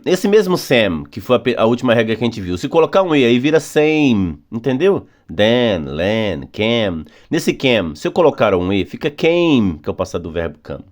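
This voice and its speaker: A man who speaks Portuguese natively, teaching English phonics patiently, slowing down on rules and repeating examples. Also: lowish voice. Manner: patient, repetitive, drawing out key words slowly. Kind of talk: phonics lesson explanation.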